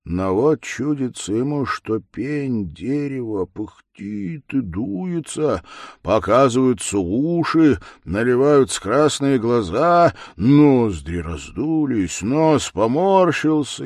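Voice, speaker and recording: A man reading a classic tale aloud with a dramatic, animated delivery. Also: medium pitch, slow, no echo, clean studio sound. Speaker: storyteller. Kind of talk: expressive reading of a literary tale.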